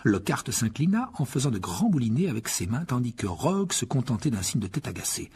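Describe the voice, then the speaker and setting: A man reading a children's fantasy novel aloud as audiobook narration, in an expressive storytelling manner. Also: medium pitch, brisk, breathy edge. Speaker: audiobook reader. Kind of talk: scripted narration.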